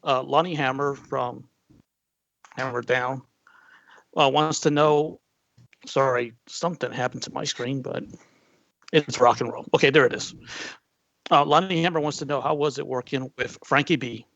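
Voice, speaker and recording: A man hosting a show, reading fan questions out in a casual, halting way. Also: mid-range voice, steady tone, vocal fry, fairly bright tone, no room sound, highs cut off. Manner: casual and halting, with many fillers. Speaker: podcast host.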